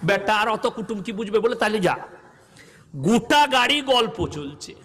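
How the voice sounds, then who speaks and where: A man's voice: high-pitched, big pitch swings, moderate pace, a bit bright. A man preaching a humorous sermon, telling stories, acting out the villagers he quotes, and firing questions at his audience. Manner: fires rhetorical questions at the audience. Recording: long hall reverb.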